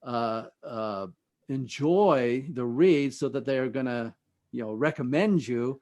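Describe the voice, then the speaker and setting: An expert guest in an interview, this man has a mid-range, darkish voice. He talks in a halting, conversational style and tends to let his phrases trail off.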